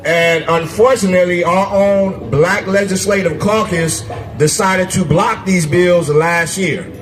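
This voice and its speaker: A man running for office giving a conversational, forceful stump speech to a crowd at an outdoor festival. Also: sits high, steady tone, unhurried, rough recording. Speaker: candidate for state assembly. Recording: music playing behind the speaker.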